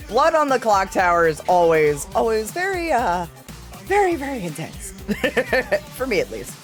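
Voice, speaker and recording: A woman's voice: mid-range voice, huge pitch swings, measured pace, pauses often, faint music behind. A woman hosting a casual livestream in character as a fae, chatting in an affectionate, theatrical, giggly way. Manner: affectionate, addresses listeners as darlings. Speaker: livestream host.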